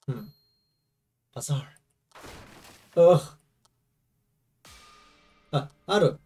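A man's voice: on the high side, animated, extremely slow, a little mellow, slightly rough, recorded from a distance, faint music behind, full character voice. Man reading as a confused young hero. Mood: uneasy. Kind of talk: reading game dialogue aloud.

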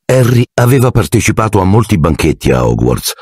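A man narrating an audiobook in a measured storytelling manner on a close mic. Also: fairly low pitch, big pitch swings, darkish tone, breathy edge, no echo. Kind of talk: scripted narration.

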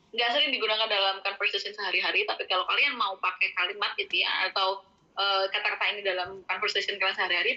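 A woman giving a casual vocabulary lesson, saying each word slowly several times and correcting herself with fillers. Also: mid-range voice, pushed and bright, muffled recording. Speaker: English teacher.

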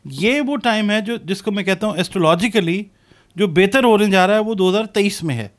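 High-voiced Pakistani man explaining. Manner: measured, explanatory, peppers speech with English terms. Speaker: astrologer and business professor. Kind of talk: interview answers, predictions.

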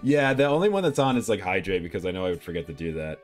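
A man's voice: sits low, very animated, racing, faint music behind. A man streaming live as a VTuber, chatting casually in a playful, rambling way and swearing freely.

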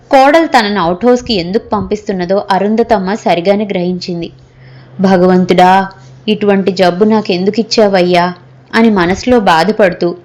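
A woman narrating a serialized audio novel in a steady, even storytelling manner. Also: mid-range voice.

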